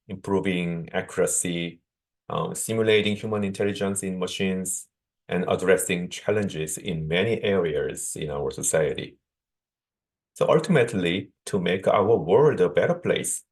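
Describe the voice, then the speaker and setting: A man from South Korea, a native Korean speaker with a Korean accent, giving a measured conference keynote over a video call with small restarts. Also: sits low. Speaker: guest speaker, associate professor.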